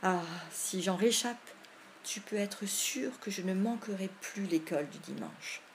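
A woman's voice: medium pitch, animated, measured pace, slight background noise. A woman voicing a bold but superstitious young boy in an audiobook, talking urgently and sometimes dropping to a whisper. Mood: remorseful. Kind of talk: audiobook character voice.

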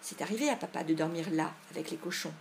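A jittery, scruffy young boy who frets at every sound, as a woman reader gives him voice. He keeps asking anxious questions and sounds fearful and low-spirited. The voice sits slightly low. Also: quick pace, creaky, a little mellow, a little hiss or hum. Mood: glum. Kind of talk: audiobook character voice.

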